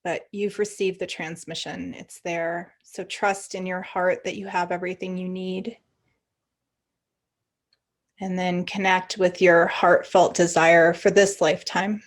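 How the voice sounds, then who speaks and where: A woman's voice, on the low side with a level tone, leads a guided meditation. As the teacher, she gives calm, encouraging instructions punctuated by pauses.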